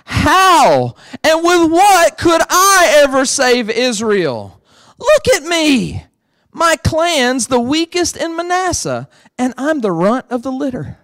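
A man voicing Gideon as a timid, self-doubting young man who talks in a drawn-out, incredulous way. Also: extremely high pitch, big pitch swings, a bit bright, dry recording, voice pushed up, exaggerated voice.

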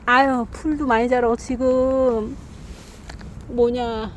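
A middle-aged woman outdoors, talking to stray cats in a coaxing, teasing baby-talk way with soft laughs. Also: fairly high pitch, flat delivery, slow, slight background noise. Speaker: cat feeder vlogger. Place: outdoors among grass.

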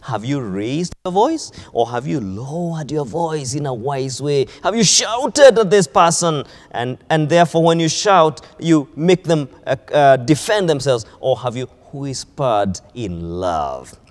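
Kenyan pastor guy, slow and emphatic, voice swings up and down a lot, echoing church hall. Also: a little high, lively intonation. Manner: emphatic, repeats key phrases. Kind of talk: sermon.

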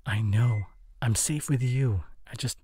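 A man playing a gentle, devoted boyfriend in an intimate audio role-play, speaking in a soft, breathy, soothing bedside voice. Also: mid-range voice, measured pace, a little hiss or hum, close to an everyday voice. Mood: tender, soothing.

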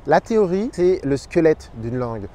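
A man in his thirties, a Spanish teacher with his own language channel, speaks at normal speed in a slightly high voice. Wearing a lapel mic by a park pond, he explains his tips to camera with plenty of energy and expression.

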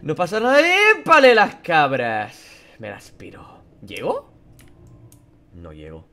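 Jumpy young Spanish gamer with lively pitch. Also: male voice, slow pace, gravelly. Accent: Spain Spanish. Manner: jumpy, swearing, yelps and shouts at scares, mutters to himself. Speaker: gaming YouTuber. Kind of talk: horror game commentary.

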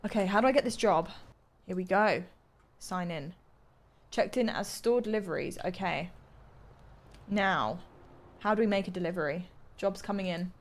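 Speaking into a close desk microphone in a small home room, a young woman from England gives casual live commentary on the game she's streaming, chatting and thinking out loud. She has a lowish voice, talks at normal speed and leaves long pauses.

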